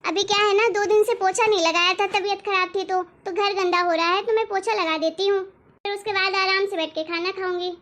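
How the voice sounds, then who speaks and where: A woman's voice: very high-pitched, steady tone, fairly quick, a bit bright. A woman voicing a sweet, dutiful young daughter-in-law in a family cartoon story, polite and reassuring.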